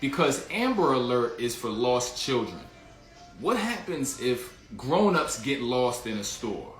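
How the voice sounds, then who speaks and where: Bright-voiced man telling a rambling story. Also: medium pitch, very animated, a little slow, echoey room, faint music behind. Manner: slangy, rambling, with frequent restarts and laughter. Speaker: livestream host. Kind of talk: casual storytelling livestream, greeting chat.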